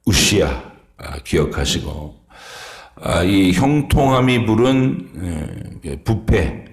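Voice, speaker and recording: Slow, low-voiced pastor in an echoing church. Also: male voice, very animated. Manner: slow, halting delivery with many fillers. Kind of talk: early-morning sermon. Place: church sanctuary.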